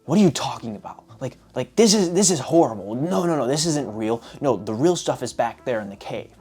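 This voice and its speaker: A man's voice: mid-range voice, lively intonation, fairly quick, darkish tone, slightly rough, soft background music. A man voicing a chained male prisoner who refuses to accept what he is shown. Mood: dismayed, refusing.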